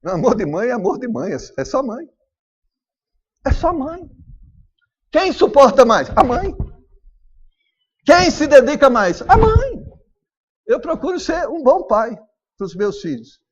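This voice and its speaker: A man's voice: very high-pitched, sing-song, a little slow, pauses often, husky, muffled recording. A man with a Brazilian Portuguese accent preaching a sermon as pastor, acting out family dialogue as he goes.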